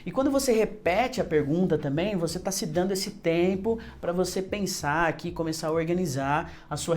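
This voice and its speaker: A Brazilian woman teaches an online class. Her voice sits a little low for a woman. She explains points conversationally, then slows down to model careful example sentences. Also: darkish tone. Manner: explains in Portuguese, then models slow, careful English answers. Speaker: English teacher. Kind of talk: online lesson.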